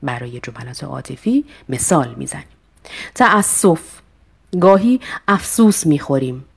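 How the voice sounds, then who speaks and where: A woman teaching a poetry recitation lesson, reading verses slowly and expressively, then explaining them with polite, formal address. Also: a bass voice, big pitch swings, creaky, a little mellow, husky.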